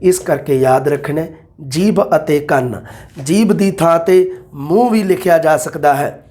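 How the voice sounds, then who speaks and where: A man gives a chatty exam-prep lecture in a high voice. He repeats key points and keeps quizzing his listeners. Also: unhurried, darkish tone. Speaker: teacher.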